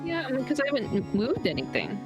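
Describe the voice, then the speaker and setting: A woman's voice: sits high, huge pitch swings. A woman streamer chatting casually and reading game lines aloud, giggly, on a close, slightly muffled desk mic. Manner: giggly, unhurried. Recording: game music under the voice. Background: loud game music.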